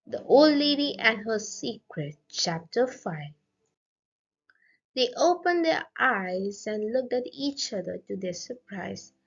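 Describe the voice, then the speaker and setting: A woman reads a children's storybook aloud in an even, steady manner. Her voice is fairly high and she reads very slowly. The recording sounds dull and lo-fi. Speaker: narrator. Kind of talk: scripted storybook narration. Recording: dull lo-fi audio.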